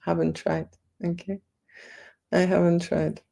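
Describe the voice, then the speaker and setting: This photo studio owner speaks with a Lithuanian accent in a relaxed livestream chat, her voice lowish, creaky and mellow. She keeps a level tone and a measured pace, often repeating words and adding "okay" and "right" to her lines.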